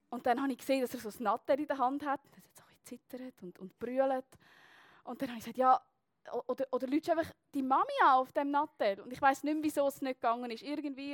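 High-voiced young Swiss woman telling a story. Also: dry recording. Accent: Swiss German. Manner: chatty, many fillers and tag questions. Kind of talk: personal storytelling to an audience.

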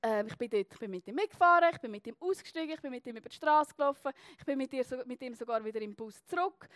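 A young woman with a Swiss German accent tells a personal story to a live audience, chatty and loose, full of little fillers and tag questions. Her voice sits high. The sound is close and dry, with no room around it. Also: lively intonation, quick pace, a bit bright, dry recording.

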